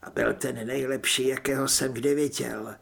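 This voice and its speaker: A man voicing a cold, smiling male government official who speaks politely and with quiet menace, in a husky voice. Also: medium pitch, steady tone, exaggerated voice.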